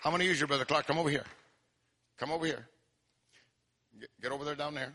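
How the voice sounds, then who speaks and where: A man preaching a fervent sermon, swinging from hushed storytelling to shouted exhortation and mixing in English asides. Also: on the high side, fairly quick. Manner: mixes Spanish with English asides. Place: church service.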